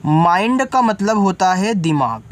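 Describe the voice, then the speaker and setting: An unhurried man with a high voice and big swings in pitch teaches English reading to beginners. He spells each word one letter at a time, explains it, and often checks for understanding.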